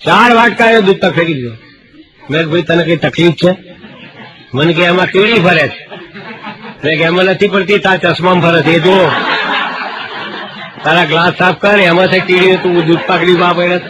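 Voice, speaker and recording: A man telling comic stories on stage in a Kathiawadi Gujarati accent, dropping into hushed voices when he quotes people. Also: sits high, moderate pace, long pauses, background noise. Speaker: stand-up comedian. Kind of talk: Gujarati folk stand-up storytelling.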